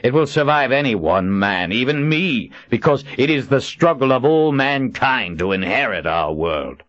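A man voicing a cruel, smug emperor with a grating, impudent voice and a slow, smirking, condescending delivery. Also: medium pitch, very animated, fairly bright tone, no echo, muffled recording, voice pushed up. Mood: contemptuous. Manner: smirking, condescending, drawn-out words. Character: cruel, smug male emperor who mocks his captor.

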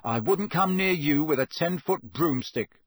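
A man's voice: on the high side, very animated, moderate pace, a bit bright, breathy edge, dry recording, clean studio sound, voice pushed up, full character voice. A man voicing Harry, a teenage schoolboy who speaks bluntly and flares into anger, in an audiobook reading. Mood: furious. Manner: blunt, angry. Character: teenage schoolboy hero, blunt and hot-tempered.

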